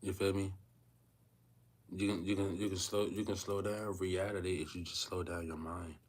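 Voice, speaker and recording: A man's voice: low-pitched, little pitch movement, normal speed. A man in his thirties talking casually to viewers on a livestream, rambling and repeating himself, often asking if they feel him. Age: 30s. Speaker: vlogger.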